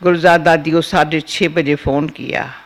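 An older woman giving a spiritual discourse, telling personal stories in a slow, homely way. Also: sits low, steady tone. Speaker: spiritual teacher.

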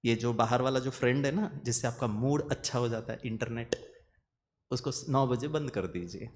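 A man's voice: mid-range voice, normal speed. A man giving an earnest motivational talk on meditation and the mind to an audience. He often repeats phrases and slips English words into his speech. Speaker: meditation speaker.

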